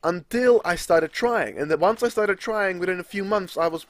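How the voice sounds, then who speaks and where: A young adult gaming commentator from the Czech Republic speaks at normal speed, his voice sitting high with a fairly bright tone. With a Czech accent, he rambles casually over gameplay, restarting sentences and letting out an occasional swear.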